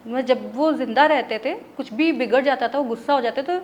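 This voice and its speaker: A woman's voice: high voice, normal speed. A woman from Odisha, a tarot reader and interview guest, tells a story in a chatty way, mixing in English words and checking in with her listener. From Odisha, India.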